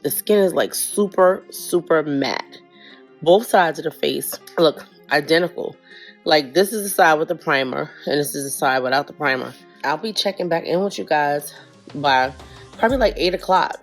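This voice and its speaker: A woman's voice: low-pitched, normal speed, faint music behind. A woman with a nasal voice from a cold, chatting to camera in a casual makeup review and repeating herself often. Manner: chatty, repeats herself, addresses viewers as guys. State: sick, nasal voice. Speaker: beauty vlogger.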